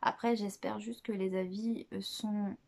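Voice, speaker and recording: A woman presenting books in a casual vlog chat, hesitant and chatty, with many filler pauses and restarts. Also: mid-range voice, fairly even intonation, creaky, darkish tone. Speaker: book vlogger.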